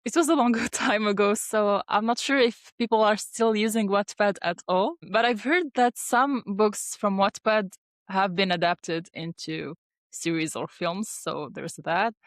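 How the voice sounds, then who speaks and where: A young Tunisian woman whose first language is Arabic, a dental student and ghostwriter, appears as a guest in a casual interview. Her mid-range voice moves a little slowly, recorded with studio quality and no echo. She's chatty, laughs often, and fills her speech with fillers and restarts.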